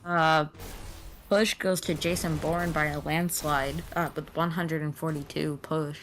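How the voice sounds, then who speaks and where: A woman co-commentating an esports match live, giving easygoing quick play-by-play calls. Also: low voice, steady tone, soft background music.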